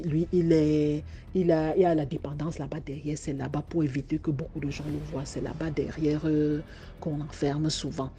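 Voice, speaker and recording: Une femme à l'camerounais qui joue un gardien d'âge moyen, calme et secret, qui parle à voix basse pour apaiser. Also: female voice, slight background noise, close to an everyday voice. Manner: hushed, soothing. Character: calm middle-aged male guard, hushed and secretive.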